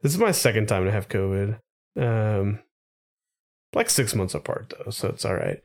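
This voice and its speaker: A man's voice: fairly low pitch, expressive, moderate pace, darkish tone. A man co-hosting a casual tech podcast, sounding a little congested, informal and often asking questions. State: slightly congested from a cold-like illness. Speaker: podcast co-host.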